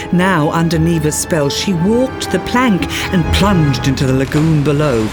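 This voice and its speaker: Music runs beneath this scripted children's fairytale, which a medium-pitched storyteller reads aloud with plenty of expression.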